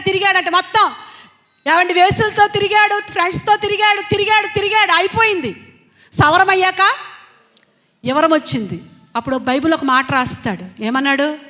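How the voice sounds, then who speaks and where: A woman's voice: extremely high pitch, bright, forceful tone. A woman preaching a Sunday sermon, speaking emphatically, repeating her phrases and asking the congregation rhetorical questions. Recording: long hall reverb.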